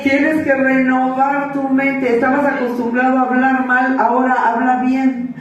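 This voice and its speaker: A woman pastor with a Mexican accent, preaching a sermon in an animated, emphatic, chatty way. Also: high voice, a little slow. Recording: echoey hall, distant dull mic.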